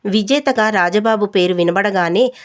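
A woman narrating a comic family story in a lively storytelling style. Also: mid-range voice, normal speed.

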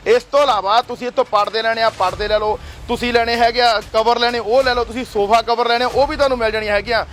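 Man, very high voice, rapid pushy sales pitch, faint noise behind. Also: steady tone, fairly bright tone. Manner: pushy, repeats prices in quick lists. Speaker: shop promoter. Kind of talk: fast sales promo video.

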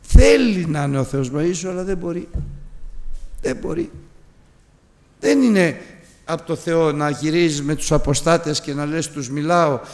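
A man preaching a sermon in a church, telling a personal story as a lively storyteller and putting questions to the congregation. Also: on the high side, pauses often, faint music behind. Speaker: pastor. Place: church hall. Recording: long reverb of a church hall.

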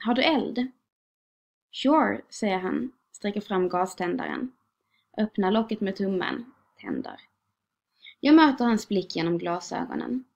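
A woman reading a short story aloud in a calm, measured way. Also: medium pitch, gravelly. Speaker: reader. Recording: dull lo-fi recording.

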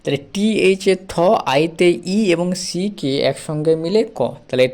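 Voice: medium pitch, measured pace, darkish tone. A teacher giving a pronunciation lesson to students, spelling words letter by letter, repeating each sound and asking and answering their own questions.

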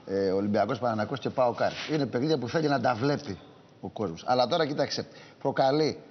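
A mid-pitched man, a club official, makes his points bluntly and insistently. His voice carries a long reverb and muffled, dull sound. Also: lively intonation, slight background noise. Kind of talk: heated debate.

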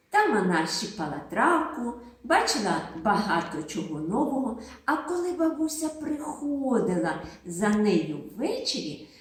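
A woman teaching a phonics lesson to small children, drawing out the sounds in a slow singsong way. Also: medium pitch. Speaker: kindergarten teacher. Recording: very echoey room.

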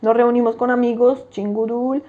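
A woman's voice: on the high side, steady tone, moderate pace, narrow, tinny audio. A young woman casually talking through her language study notes, often checking in with listeners. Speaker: language-learning vlogger.

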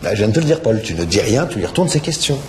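A man's voice: on the low side, big pitch swings, very fast. An actor playing a confident grown man who lectures a shy boy about girls in a comedy sketch. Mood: coaching. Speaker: school staff advising a pupil. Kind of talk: sitcom sketch acting. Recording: roomy, some noise.

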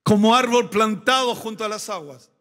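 A man preaching a sermon as pastor, emphatic and repeating key phrases, slowing down to stress words. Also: sits high, a bit bright.

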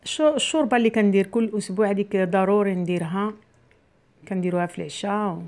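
A woman's voice: medium pitch, rapid-fire, a little mellow. A middle-aged woman with a Moroccan Arabic accent hosts a casual cooking vlog in her home kitchen. She talks to the viewers as she cooks and explains each step to them. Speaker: cooking channel host. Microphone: camera near the worktop, speaker mostly off frame.

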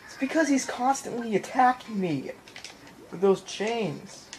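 With an extremely high pitch and an unhurried delivery, a male gamer narrates a casual let's play, getting excited, repeating himself, and imitating sounds from the game. He's indoors at home before a TV, and a handheld camera or phone mic picks him up along with background game music.

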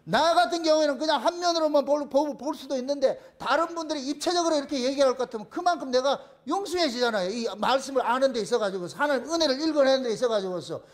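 High-pitched man preaching animatedly. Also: fast, few pauses. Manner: animated, acts out quoted voices, asks the congregation rhetorical questions. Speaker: pastor. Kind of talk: sermon.

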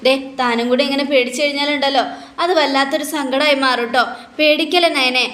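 A worried young husband comforting his wife, read out by a woman recapping a serial, soothing and gentle. The voice stays high, with a roomy echo. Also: steady tone, brisk.

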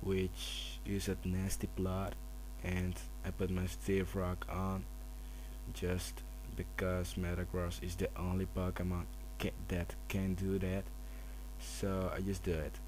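In a low, hushed monotone, a man slowly narrates a battle he's playing, offering casual game commentary. Others are asleep at home this night, so he stays quiet, and the recording is from a noisy camera mic with hum.

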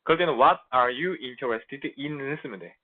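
A man's voice: mid-range voice, slow pace. A man teaching a middle school English lesson to his students, talking in blunt, casual banter and checking in often to make sure they follow. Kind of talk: online lecture. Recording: tinny phone-like sound.

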